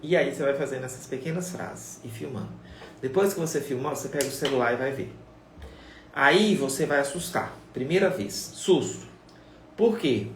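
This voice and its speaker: A man's voice: medium pitch, moderate pace, slight background noise. Man teaching. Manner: repetitive, conversational, addresses viewers directly. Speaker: sign language teacher. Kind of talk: casual live-stream lesson. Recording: echoey room, voice far from the mic, faint ambience.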